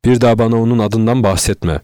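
A man's voice: lowish voice, quick pace, mellow, dry recording, studio quality, close to an everyday voice. A man voicing a cruel, unstable male killer who growls his words with contempt. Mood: menacing.

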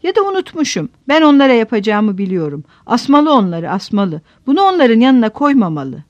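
A woman's voice: on the high side, sing-song, fairly quick, darkish tone, dry recording, dull audio. A woman voicing a feverish, prying middle-aged village headman who keeps pressing with repeated questions. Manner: insistent, repetitive questioning.

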